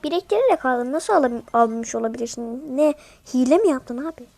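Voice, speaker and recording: A woman with a notably high voice calls out a mobile game as she plays it. Her commentary is excitable and jumpy. She yelps strings of repeated words at the screen, then drops into chatty asides to her viewers. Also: brisk, creaky. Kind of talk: live gameplay commentary.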